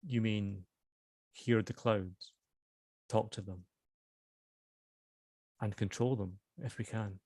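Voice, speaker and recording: A man reads as a hapless young farm boy with a Scottish accent, out of his depth in the city. He sounds wary and unsure. The voice is low and gravelly, with no room sound. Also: fairly even intonation, slow pace, long pauses, dark tone, dry recording.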